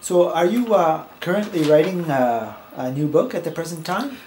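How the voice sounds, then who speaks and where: A man's voice: fairly high pitch, animated, moderate pace, a little mellow. Polite male interviewer, echoey room. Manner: polite, brief questions. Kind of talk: interview questions. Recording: echoey room with faint noise.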